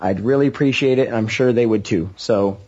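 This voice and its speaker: A man's voice: medium pitch, fairly quick, darkish tone, muffled recording. A man speaking casually as a podcast panelist. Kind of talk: casual chat.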